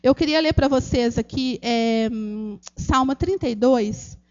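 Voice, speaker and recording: Her high-pitched voice keeps a measured pace as a Brazilian woman, in a Brazilian Portuguese accent, gives an earnest, emotional testimony at a church gathering. She addresses the audience directly as "gente" and restarts many times. The audio sounds dull.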